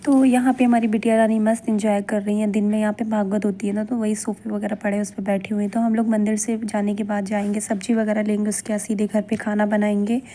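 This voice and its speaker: A woman's voice: medium pitch, level tone, fast, hardly any pauses, dark tone. A woman vlogging casually in a chatty, rambling way, her throat slightly scratchy. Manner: chatty, rambling, self-correcting. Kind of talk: casual vlog chat.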